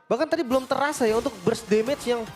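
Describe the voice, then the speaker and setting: A man's voice: extremely high pitch, fast talker. A man with an Indonesian accent giving conversational analysis during an esports broadcast. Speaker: esports commentator. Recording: loud music behind the voice. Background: loud music.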